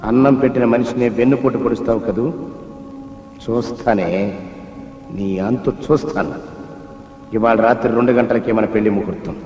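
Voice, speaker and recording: A man's voice: mid-range voice, fairly even intonation, fairly quick, pauses often, a little mellow, close to an everyday voice. An actor playing a menacing, commanding older villain in a melodramatic film who threatens as he speaks. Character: menacing older male villain forcing a young woman into marriage. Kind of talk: Telugu film melodrama acting. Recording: dull echoey film soundtrack, music.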